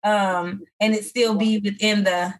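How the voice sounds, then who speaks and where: A woman chatting casually with friends, relaxed, often pausing on fillers. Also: mid-range voice. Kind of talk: casual chat among friends.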